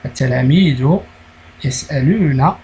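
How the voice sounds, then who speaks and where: A man with a Moroccan accent, teaching a primary school French lesson, explaining slowly and repeating key words. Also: medium pitch, animated, warm tone, slight background noise, rough recording.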